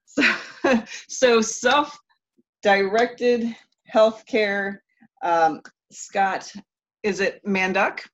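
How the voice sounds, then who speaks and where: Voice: mid-range voice, steady tone, very slow, pauses often, lo-fi sound. A podcast host in casual interview chat, talking loosely in rambling sentences and joking along.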